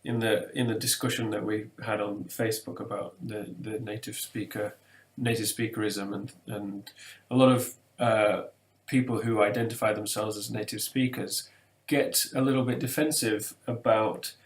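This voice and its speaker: In a casual academic chat, a man from England who co-presents a webinar works through his thoughts hesitantly, often restarting and using fillers. He speaks at a moderate pace in a fairly low, steady voice, and the indoor room with its bookshelves sounds roomy.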